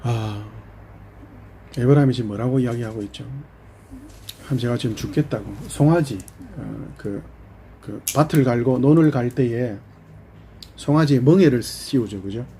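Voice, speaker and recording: A man's voice: mid-range voice, normal speed, long pauses, mellow, a little hiss or hum. A man preaching a sermon as pastor, animatedly voicing both God and the people in turn.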